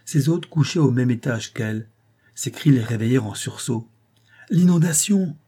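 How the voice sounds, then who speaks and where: A male narrator reads a classic novella in a measured, dramatic way. His voice is dark and warm, with a husky grain. He sits at a mid pitch. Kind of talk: audiobook reading of a classic novella.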